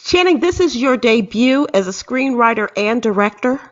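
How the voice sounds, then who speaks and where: A woman's voice: on the high side, lively intonation, normal speed. Woman radio host, eager, trips over her words a bit, kinda muffled. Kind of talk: radio interview.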